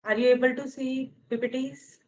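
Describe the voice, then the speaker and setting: A woman's voice: high voice, flat delivery, moderate pace, darkish tone. Woman lecturing on a video call. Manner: inviting, checks the audience is following. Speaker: guest speaker, software trainer. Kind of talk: interactive online lecture.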